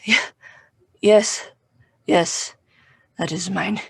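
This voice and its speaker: Weary male half-elf druid acted by a game master, battered captive, halting and slow, tabletop fantasy game. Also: high voice, steady tone, vocal fry, fairly bright tone, slightly rough, no echo, clean studio sound, heavily acted. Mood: weary recognition.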